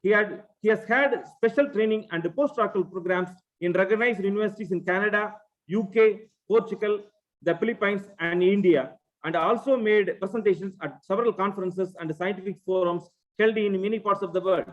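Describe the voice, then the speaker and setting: A man's voice: high voice, a little fast. A man formally reads out an introduction of a guest speaker at an online conference. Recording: dull, lo-fi call audio.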